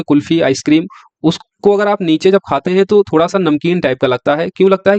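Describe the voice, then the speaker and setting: A male teacher with a voice on the high side gives an exam-prep science lecture, repeatedly asking the class questions and then answering them himself. The recording is dry and slightly dull, lo-fi, with no room sound.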